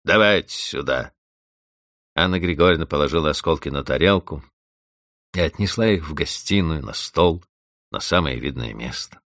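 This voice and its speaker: A man narrating a classic story as an audiobook, with expressive, dramatic storytelling. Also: very deep voice, moderate pace, no echo, studio quality.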